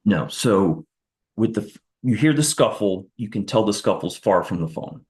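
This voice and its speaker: Very deep-voiced man testifying in court. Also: animated, moderate pace, darkish tone. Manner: careful, methodical step-by-step account. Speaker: witness on the stand.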